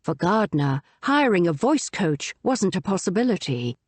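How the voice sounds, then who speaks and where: A woman narrates a nonfiction book in a measured, articulate way. Her pitch moves lively up and down through each sentence, and she sits on a close mic in a dry, dead room with no echo. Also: breathy edge. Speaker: audiobook narrator.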